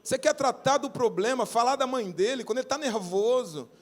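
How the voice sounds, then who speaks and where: A man's voice: extremely high pitch, brisk. A male pastor with a Brazilian Portuguese accent preaching a sermon in a church, acting out small everyday scenes as he talks. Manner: animated, acts out little everyday scenes with dropping and rising voice. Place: church sanctuary.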